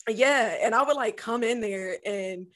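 A woman's voice: fairly high pitch, unhurried, a bit bright. A reserved woman talking casually about herself, in a somewhat hesitant way. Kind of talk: casual conversation.

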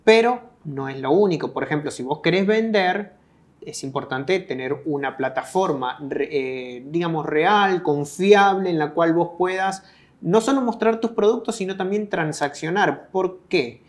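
His voice sits a little high and his delivery is unhurried. The guest is a digital marketing expert from Argentina in his thirties who explains casually and checks in with listeners.

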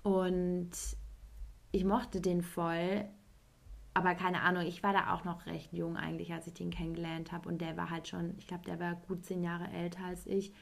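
A woman's voice: lowish voice, flat delivery, moderate pace, creaky. A woman in her twenties, a podcast host, telling a personal story in casual chat and acting out what others said. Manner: rambling storytelling, acts out others with 'und ich so'.

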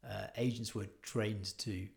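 A man's voice: fairly low pitch, steady tone, a little slow, gravelly. A man in casual chat as a podcast co-host, telling anecdotes and agreeing often. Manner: anecdotal, agreeable, frequent "yeah" and "you know".

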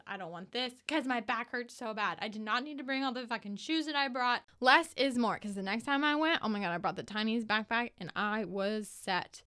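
A young American woman with a bright, smooth voice on the higher side. She talks casually and emphatically, like a solo host telling stories. She swears freely as she chats. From United States. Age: young adult. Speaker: podcast host.

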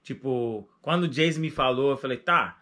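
A man hosting a podcast, chatting casually, giving short agreeing replies and recalling events in a relaxed way. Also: mid-range voice, moderate pace. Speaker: podcast host. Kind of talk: casual chat.

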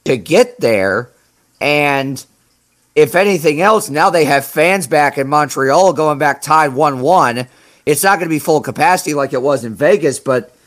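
A man's voice: a little high, a bit bright. A man co-hosting a hockey talk show, giving long analytical run-on explanations and stretching words for emphasis. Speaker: sports talk co-host.

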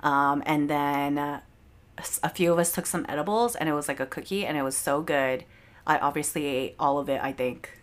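Woman in her thirties, low voice, giggly, casual podcast chat. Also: steady tone, normal speed. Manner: laughs often, giggly storytelling. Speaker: podcast co-host.

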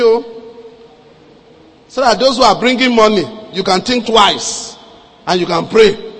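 A Nigerian pastor preaches with a lively, high voice that climbs and drops across a wide range. His tone is a little husky, and a long echo rings around the large hall. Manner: animated, swings from quiet to loud, acts out dialogue, mixes in Yoruba. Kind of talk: sermon with storytelling.

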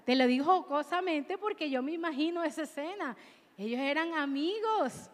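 High-voiced woman preaching in a hall. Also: expressive, normal speed. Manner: exhorting, call-and-response with the congregation. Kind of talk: sermon.

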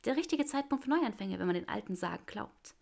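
A woman's voice: mid-range voice, expressive, brisk, vocal fry, a little mellow. A woman reading a fan story aloud, voicing an eager, earnest young witch who loves to explain things. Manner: enthusiastic, explaining.

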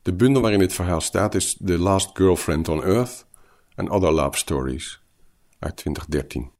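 Deep gravelly-voiced male presenter. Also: normal speed, darkish tone. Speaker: program presenter. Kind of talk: scripted introduction.

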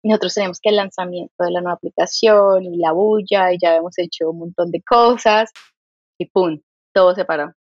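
A Colombian woman with a mixed Santander and Bogotá accent, a guest telling a lively story and quoting herself as she goes. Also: lowish voice, brisk, no room sound, dull audio. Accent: Colombian, mix of Santander and Bogotá. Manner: animated, quotes herself, laughs often. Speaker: podcast guest, company founder. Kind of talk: casual interview storytelling.

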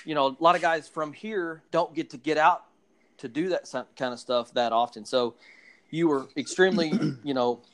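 A man hosts a relaxed interview, drifting through his questions with plenty of fillers and easy pauses. His voice sits a little above the usual range for a man. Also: a little high. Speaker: host. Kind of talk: casual podcast interview.

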